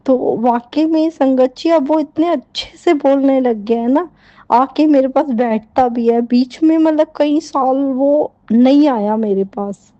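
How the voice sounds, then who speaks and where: A woman's voice: high-pitched, a little slow, mellow, no echo, lo-fi sound. A middle-aged woman giving a devotional testimony, fervently repeating her thanks over and over.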